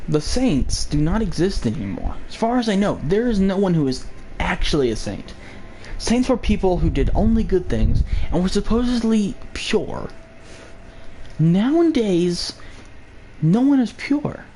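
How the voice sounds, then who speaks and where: A young man talks straight into his home mic, rambling through a sarcastic rant. His voice sits a little high and leaps around in pitch. A faint background noise runs under it. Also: big pitch swings, unhurried, dark tone. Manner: rambling, sarcastic, jokey asides. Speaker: vlog host. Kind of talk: casual political rant.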